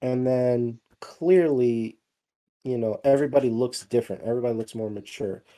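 Man, casual podcast chatter, mellow tone, loose and rambling with fillers. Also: medium pitch, normal speed. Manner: rambling, many fillers and restarts. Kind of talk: casual chat.

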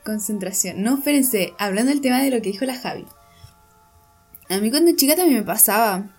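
A woman's voice: a little high, animated, brisk, darkish tone, slightly rough. Young chilean woman, unsure, trails off a lot, faint music behind. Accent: Chilean Spanish. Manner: hesitant, trailing off, many fillers. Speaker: podcast co-host. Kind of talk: casual chat.

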